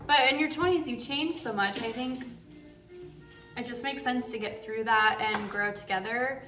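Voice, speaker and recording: Chatty woman, 20s, higher voice, casual vlog host; roomy sound with clear music behind. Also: normal speed. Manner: chatty, uses like often. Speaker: vlog host answering viewer questions. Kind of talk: casual chat. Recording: roomy echo, distant mic, music behind. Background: background music.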